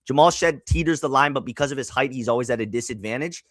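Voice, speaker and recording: Fast-talking Canadian man on basketball. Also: mid-range voice, no room sound. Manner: fast, restarts sentences often. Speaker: podcast host and sports writer. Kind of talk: casual basketball talk.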